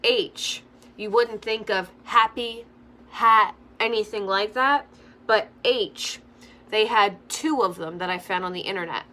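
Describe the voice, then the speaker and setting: A woman's voice: medium pitch, measured pace, bright, forceful tone. A young woman giving chatty, opinionated commentary while doing her makeup, filling her talk with "like". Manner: chatty, frequent "like" fillers. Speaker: makeup vlogger. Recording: faint background noise.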